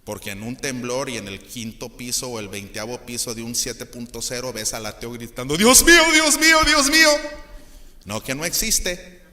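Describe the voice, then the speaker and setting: Man, Mexican Spanish accent, pastor, sermon, joking, bright voice. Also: mid-range voice, moderate pace. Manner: joking, lively, acts out quoted voices.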